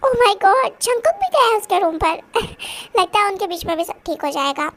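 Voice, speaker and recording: A performer doing a gentle, soothing young woman. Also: very high voice, moderate pace, exaggerated voice. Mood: tender. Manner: calming and scolding gently. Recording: music playing behind.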